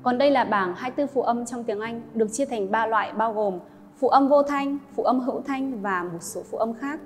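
A woman teacher, slowly modelling English sounds and explaining pronunciation rules to students. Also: on the high side. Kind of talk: classroom lesson narration. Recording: long reverb with faint music.

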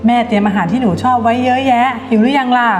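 Actress as loving middle-aged mother, gentle and coaxing; somewhat high, with a long room reverb. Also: steady tone, fast talker, over music, close to an everyday voice. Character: doting middle-aged mother of a rich family. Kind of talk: short drama acting.

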